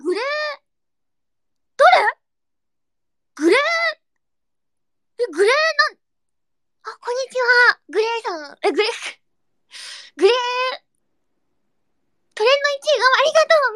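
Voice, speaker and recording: A young woman hosting a casual live audio chat, reading listener comments in a cutesy, excitable way and breaking into squeals and giggles. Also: extremely high pitch, brisk, pauses often, dry recording, studio quality. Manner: cutesy, baby-talk endings.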